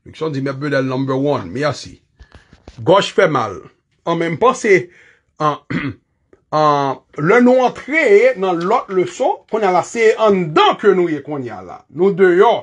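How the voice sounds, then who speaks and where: Speaking with a Haitian accent in a slightly high, somewhat rough voice, a man walks learners through English body-part vocabulary. He keeps things chatty, laughs a lot and spells out the words one letter at a time.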